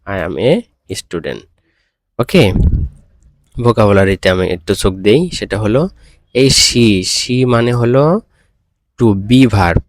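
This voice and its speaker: A man's voice: medium pitch, no echo. A man teaching a beginner language lesson, patiently explaining words and checking that students follow. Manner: patient, repeats and checks understanding.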